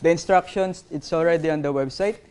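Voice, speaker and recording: A man presenting a live coding workshop, halting and apologetic, with many fillers. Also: on the high side, a little mellow. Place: conference workshop room.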